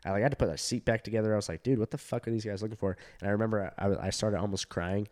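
A man who does stand-up telling a long story in casual chat, full of fillers, swearing and animated quoted voices. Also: fairly low pitch, very fast. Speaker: stand-up comedian.

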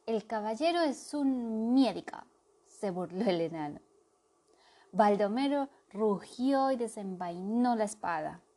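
A woman reading a children's storybook aloud, narrating in an expressive way. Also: mid-range voice, measured pace. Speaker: storybook reader.

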